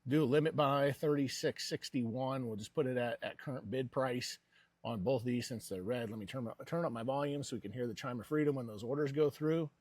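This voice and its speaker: A man's voice: mid-range voice, brisk, a little mellow, dry recording. A man hosting a casual investing vlog, talking with a cigar held in his mouth as he narrates his trades. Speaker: host of a personal investing vlog. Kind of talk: casual vlog commentary while placing trades.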